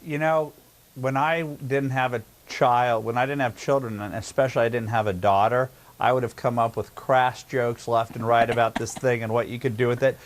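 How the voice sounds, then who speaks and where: A man's voice: medium pitch, fairly even intonation, moderate pace, slight background noise. A man on a late-night panel speaking emphatically, stumbling over repeated words. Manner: emphatic, stammering restarts. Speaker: panel guest.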